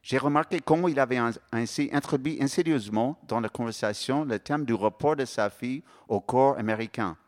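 A man's voice: mid-range voice, brisk, hardly any pauses. A man with a foreign accent introducing and reading from his own novel, hesitant and correcting himself. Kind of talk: public reading with spoken intro. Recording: reverberant hall.

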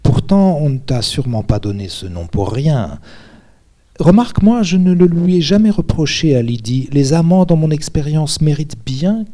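Boastful chatty spider, read by a man, mellow dark tone, storybook reading. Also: on the high side, lively intonation, normal speed, lightly acted. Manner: talkative, boastful. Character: proud, chatty female spider Arachne, scornful of gods.

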